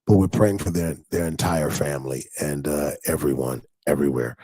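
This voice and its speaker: A pastor from Detroit preaches in a low, husky voice with a Detroit accent. His tone is dark and mellow, and his words sound dry and close. When he is stirred, his voice climbs into high, excited calls. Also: normal speed, no echo. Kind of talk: conversational sermon. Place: church in Detroit.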